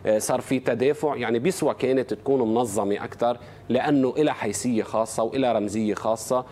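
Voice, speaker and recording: A man's voice: medium pitch, fast, dark tone. A man with a Lebanese accent, a sports journalist on a morning show, explaining football news with frequent hesitations. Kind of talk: casual TV interview.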